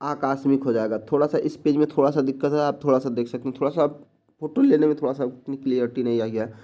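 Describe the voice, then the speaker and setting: A man's voice: medium pitch, a little mellow. A man teaching an exam-prep spelling lesson, going through each answer plainly and often repeating words.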